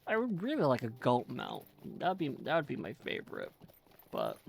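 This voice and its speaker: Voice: mid-range voice, huge pitch swings, normal speed, gravelly, slight background noise. A gamer giving casual commentary on a playthrough, reading quest text aloud in an easygoing, self-mocking way.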